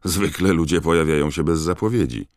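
A man's voice: extremely low pitch, brisk, no room sound, studio quality, voice pushed up. A man voicing a suspicious, weary middle-aged campsite owner who talks in wary, musing questions.

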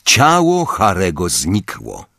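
A male narrator reads a fantasy audiobook slowly, with a wide, highly expressive pitch swing. The voice sounds close and dry, with no room around it. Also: vocal fry, dry recording. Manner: dramatic, expressive storytelling. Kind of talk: dramatic audiobook reading.

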